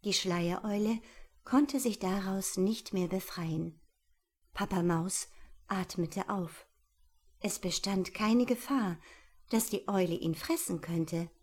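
A woman reads a children's story aloud at an unhurried, slow pace. Her delivery is calm and measured, with soft expression, and her pitch sits at an everyday middle level. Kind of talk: scripted storybook narration.

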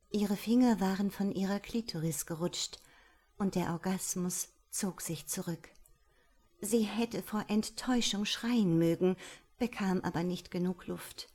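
Brief: a female audiobook reader, intimate and breathy, slightly low voice. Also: darkish tone. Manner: breathy, intimate, at times half-whispered. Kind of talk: audiobook narration.

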